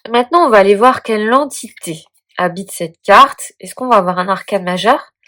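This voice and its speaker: A woman's voice: mid-range voice, moderate pace, pushed and bright. A woman who is sick and sniffling, reading tarot cards in a casual way, thinking aloud with many hesitations and restarts. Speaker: tarot reader and channel host.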